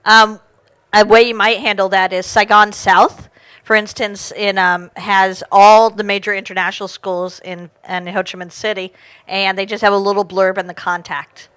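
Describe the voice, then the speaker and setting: A woman's voice: mid-range voice, level tone, moderate pace, a bit bright, smooth. A woman talking informally in a discussion, often restarting her sentences mid-thought as she explains. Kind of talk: unscripted discussion.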